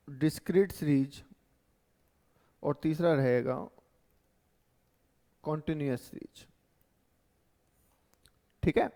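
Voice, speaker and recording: Male tutor, raised pitch, patient step-by-step lecture style, reverberant room. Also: dark tone. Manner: explains step by step, checks in with "right" and "okay". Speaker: teacher. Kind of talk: classroom lecture.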